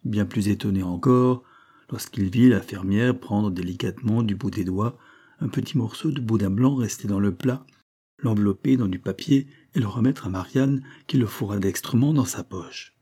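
A man narrating a classic novel in a steady, measured reading. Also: on the low side, breathy edge. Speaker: audiobook reader. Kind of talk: literary narration.

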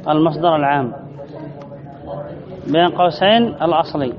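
A man's voice: fairly high pitch, normal speed, a crowd in the background. A man teaching a grammar lesson, reading a line then explaining it, repeating phrases and asking his listeners questions. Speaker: sheikh teaching Arabic grammar. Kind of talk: classroom lesson explaining a text. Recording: dull lo-fi recording with audience noise.

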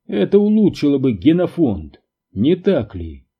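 A man's voice: fairly high pitch, wildly swooping pitch, unhurried, breathy edge, lo-fi sound, voice pushed up, exaggerated voice. Man doing a rude stout red-bearded older man. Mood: rude, mocking. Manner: rude, mocking.

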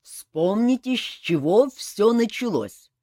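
A woman's voice: on the high side, animated, takes it slowly, warm tone, husky, dry recording, clean studio sound, pitched above the performer's own voice, exaggerated voice. A woman reading an audiobook, voicing a stern male army colonel who barks orders. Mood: commanding. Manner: barking orders.

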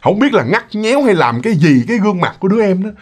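A man telling a ghost story casually, animated and full of exclamations and fillers. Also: high-pitched, very fast.

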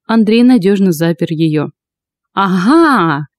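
Mellow woman narrating an audiobook. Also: fairly low pitch, brisk, no echo. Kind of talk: first-person fiction narration.

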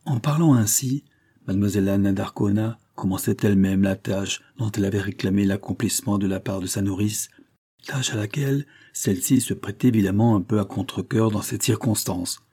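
Male audiobook narrator; dark, mellow and husky, measured literary reading. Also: on the low side.

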